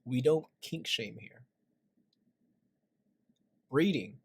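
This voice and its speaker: A man's voice: mid-range voice, animated, extremely slow, vocal fry, darkish tone, slightly rough. A man hosting a reaction video, joking through casual commentary and leaning into confiding asides that end in "right?".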